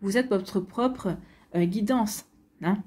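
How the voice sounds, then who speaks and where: Woman, tarot reader, mellow dark tone, husky voice, hesitant, talks to viewers. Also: mid-range voice, slow pace. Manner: hesitant, many fillers and restarts, addresses viewers directly. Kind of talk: spontaneous tarot reading to camera.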